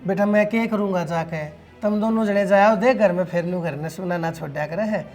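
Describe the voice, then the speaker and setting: Music behind, man playing old village father, Haryanvi accent, highish voice, fretful, exhorting, folksy, family drama. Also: normal speed, a little mellow. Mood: insistent pleading. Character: worried, pleading old village father urging his son. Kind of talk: web serial family drama acting.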